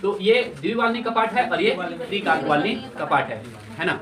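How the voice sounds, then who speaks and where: A man's voice: high voice, lively intonation, moderate pace, fairly bright tone, a little hiss or hum. A male teacher giving a classroom lecture, constantly quizzing his students and repeating their answers. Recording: echoey classroom, distant mic, students heard.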